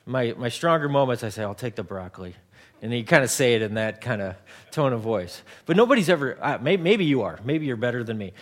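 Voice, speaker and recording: This pastor in his forties speaks briskly at a medium pitch, his voice swinging widely up and down. His sermon is conversational, full of repeated words and homely everyday examples.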